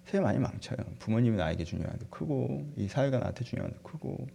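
Fervent preaching man, fast and lively. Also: medium pitch, gravelly, a little hiss or hum. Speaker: pastor. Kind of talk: sermon.

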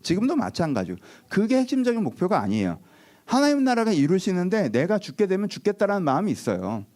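A man preaching a sermon as a pastor, telling the story in a lively, animated way and acting out the dialogue between figures. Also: high-pitched, fast.

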